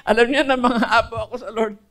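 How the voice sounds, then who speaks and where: Older man, earnest testimony speaker; raised pitch, rough gravelly edge. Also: steady tone, fairly quick, fairly bright tone. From Philippines. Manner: earnest storytelling, addressing listeners as brethren. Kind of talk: personal faith testimony.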